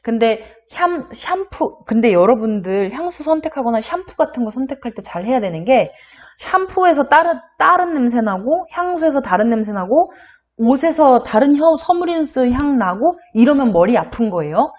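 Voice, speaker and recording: A woman's voice: high voice, sing-song, normal speed. A middle-aged woman lecturer giving a recorded online class, chatty and addressing her students directly with questions. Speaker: university lecturer.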